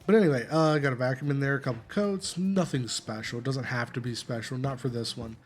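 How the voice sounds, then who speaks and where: A tired man hosting a gameplay video, giving a relaxed, rambling walkthrough and often correcting himself. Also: medium pitch, a little fast, faint music behind. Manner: rambling, self-correcting, apologetic.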